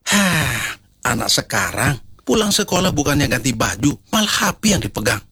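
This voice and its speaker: A man's voice: medium pitch, very animated, moderate pace, pushed and bright, husky, no room sound, heavily acted. A man playing a stern, bossy, middle-aged father scolding his child in a scripted radio skit, in a nagging way.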